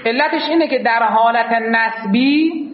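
A man teaching a class, who poses questions to his students and answers them himself, using formal polite phrases and repeating key points. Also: extremely high pitch. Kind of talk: grammar lecture to a class. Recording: echoey dull lo-fi recording.

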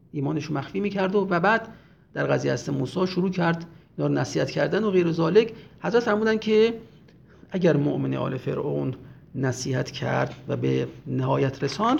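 Male religious lecturer, emphatic, heavy vocal fry, slightly high voice, dull lo-fi recording. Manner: emphatic, retells scenes with acted quotes.

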